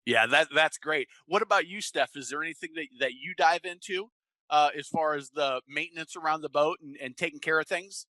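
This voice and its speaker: A man's voice: fairly high pitch, a little fast, sharp tone, dry recording. A man hosting a casual interview, asking long, rambling questions full of fillers and restarts. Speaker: interview host, boating coach.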